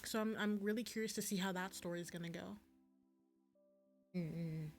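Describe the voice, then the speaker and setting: A woman livestreams visual novels, chatting casually, gushing, rambling and often cutting herself off. Her voice is lowish and her speed normal. Background music plays.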